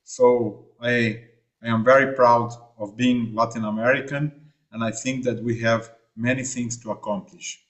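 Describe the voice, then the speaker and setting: A man from Argentina addresses a seminar from afar over a video call. His delivery is halting, full of fillers and restarts, at an ordinary middle pitch. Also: steady tone, fairly bright tone. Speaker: invited remote speaker. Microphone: remote video call.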